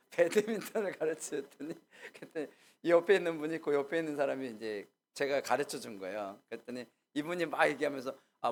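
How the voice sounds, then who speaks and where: A man's voice: mid-range voice, a bit bright. A male pastor giving a conversational sermon, telling stories casually, quizzing the congregation and acting out quotes. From Gyeongsang region. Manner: casual storytelling, asks the congregation questions and acts out quotes.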